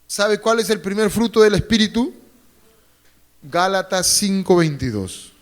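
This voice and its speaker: A pastor with a high-pitched voice preaches to his congregation in church at a measured pace. He delivers the sermon with fervor, has the congregation repeat phrases after him, and slips in joking asides.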